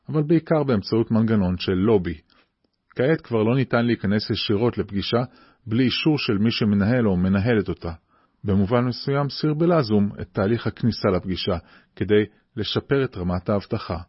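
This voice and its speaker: A man with a lowish, husky voice hosts a podcast, asking and explaining in an informative style. The sound is very dry and slightly muffled. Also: no echo. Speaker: podcast host. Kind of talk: interview questions and scripted explanatory narration.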